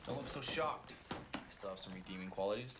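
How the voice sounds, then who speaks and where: Actor playing a dry sarcastic young missionary, low voice, noisy sound. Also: male voice, quick pace, natural voice. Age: young adult.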